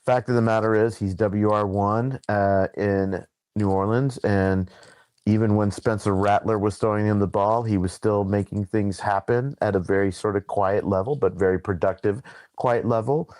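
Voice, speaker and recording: A man co-hosting a casual podcast, relaxed and easygoing in his banter. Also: on the low side, normal speed, no echo. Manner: relaxed, easygoing, says dude a lot. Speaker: podcast co-host. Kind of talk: casual fantasy sports chat.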